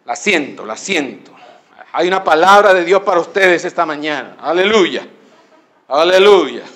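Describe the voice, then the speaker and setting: A pastor imitating a pompous prosperity preacher who claims a prophetic anointing, with drawn-out, mock-solemn hallelujahs. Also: male voice, on the high side, animated, fairly bright tone.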